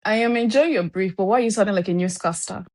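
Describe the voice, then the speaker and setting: A woman's voice: mid-range voice, fast talker, dry recording. A woman co-hosting a casual podcast, chatty and digressive, teasing the others while telling a story. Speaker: podcast co-host.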